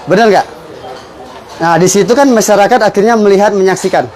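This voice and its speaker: Man, high voice, motivational sales presenter, persuasive, frequent rhetorical questions. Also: brisk, a little mellow. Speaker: business presenter explaining a fertilizer sales strategy. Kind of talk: motivational business pitch, informal explaining.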